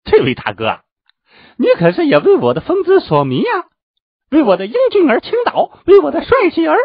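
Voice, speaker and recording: Brief: vain young chatterbox disciple, very high, loud, fast, wildly swinging pitch, lo-fi storybook. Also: male voice, wildly swooping pitch, dry recording, heavily acted. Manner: loud, rapid, boastful chatter. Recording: dull, dry lo-fi audio.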